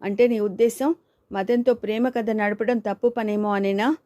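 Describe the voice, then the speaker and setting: A woman's voice: on the high side, fairly even intonation, moderate pace, close to an everyday voice. A woman voicing Kanchana, an outspoken young woman who scolds and urges her friend, in an audiobook reading. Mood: scolding. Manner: scolding, urging, sharp retorts.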